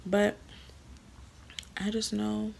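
A woman's voice: mid-range voice, completely flat delivery, drawn-out words, gravelly, darkish tone. A young woman talking candidly and chattily to her viewers in a casual vlog, filmed on a handheld phone. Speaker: vlogger. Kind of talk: casual vlog talk to camera. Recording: heavy background noise.

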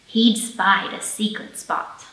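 A librarian in her thirties speaks slowly in a medium-pitched voice that stays steady in tone but sounds pushed and bright. Speaking expressively and directly to young children, she reads and presents a storytime pre-recorded for online viewing in an indoor library room, where a roomy echo and slight background noise can be heard.

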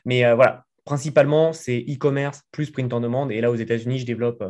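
A Frenchman in his thirties, a guest entrepreneur, chats casually in an interview from his living room, with a desk mic visible in frame. His voice is medium-pitched, steady and a little mellow, and he talks fast, filling his speech with lots of fillers.

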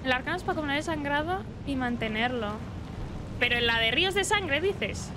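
Young girl streaming a game, high voice that jumps all over, yelping and cursing, loud game music behind. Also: animated, a little fast, background noise. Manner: playful, talks to the game boss, frequent startled yelps and swearing. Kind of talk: live gameplay commentary.

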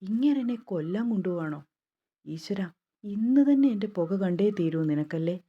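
A woman's voice: mid-range voice, animated, normal speed, breathy edge, highs cut off. A woman reading the lines of a timid young bride who pleads in a fearful way.

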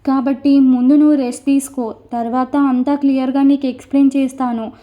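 A woman voicing a calm young man who patiently reassures a distressed bride in a storybook narration. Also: high voice, a little fast, natural voice. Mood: soothing. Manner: soothing, patient, coaxing. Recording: dull lo-fi recording.

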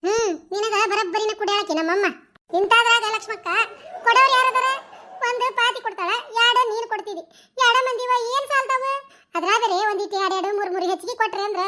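A woman's voice: very high-pitched, bright, forceful tone. A woman voicing a chatty, stingy older village woman in a cartoon comedy, speaking with a North Karnataka Kannada accent, bantering, laughing, and stammering when she is caught out.

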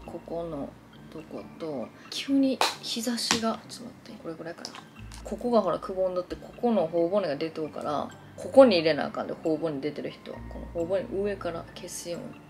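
A young woman with a Kansai accent chatting through a makeup tutorial, rambling into animated stories as she works. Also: fairly low pitch, fairly quick, over music. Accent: Kansai Japanese. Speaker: beauty vlogger.

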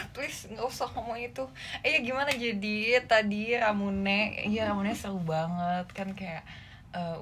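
A woman's voice: low-pitched, a bit bright. Flustered young woman livestreaming. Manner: flustered, embarrassed, giggly chatter. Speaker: idol livestream host. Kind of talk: casual livestream chat. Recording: faint background noise.

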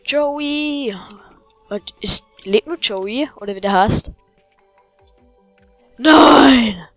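A woman giving excitable let's-play commentary, yelling at enemies and chatting to viewers, with faint game music behind. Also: high voice, drawn-out words, no room sound, low-quality recording.

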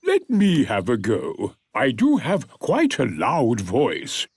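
A man voicing a loud, hearty old grandad rabbit in a cartoon. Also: huge pitch swings, slow pace, breathy edge, dry recording, studio quality, heavily acted. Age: older. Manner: booming, hearty.

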